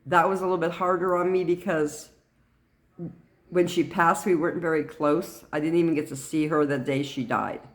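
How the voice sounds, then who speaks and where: A middle-aged woman giving a personal talk to camera in an earnest, halting way. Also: sits low, steady tone. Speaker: vlogger sharing personal experience.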